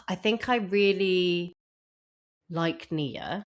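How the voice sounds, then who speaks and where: Chatty woman, low voice. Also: extremely slow. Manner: chatty, laughs often, quotes people in put-on voices. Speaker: podcast co-host. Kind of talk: casual chat.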